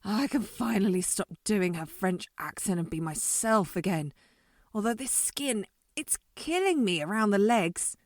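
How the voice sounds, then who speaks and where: A woman's voice: mid-range voice, expressive, unhurried, no echo, studio quality, close to an everyday voice. A woman voicing a grumpy female alien stuck in a human skin suit, complaining as she talks. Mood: grumbling. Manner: complaining, grumbling. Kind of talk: amateur audio drama.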